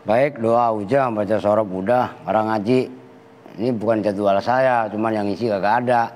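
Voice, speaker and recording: A man's voice: fairly low pitch, steady tone, normal speed, a little mellow. A man with a Betawi Jakarta accent, a kyai teaching Arabic grammar to students in a casual, slangy, teasing way. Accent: Betawi Jakarta Malay. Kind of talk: casual classroom lesson with banter. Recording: reverberant hall with faint background noise.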